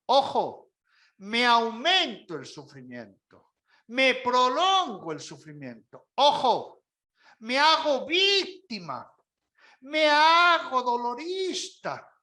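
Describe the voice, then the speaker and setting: Man preaching, bright high voice, slow unhurried delivery, emphatic, mimics sufferers. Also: sing-song. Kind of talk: spoken reflection on grief.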